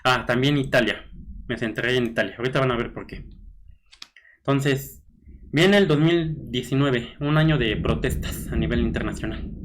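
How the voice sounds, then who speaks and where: A man's voice: medium pitch, fairly bright tone. A man with a Mexican Spanish accent giving casual blog commentary, reading news snippets aloud and musing with frequent fillers and tag questions. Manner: conversational, musing with fillers like "este" and "¿no?". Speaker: blogger host.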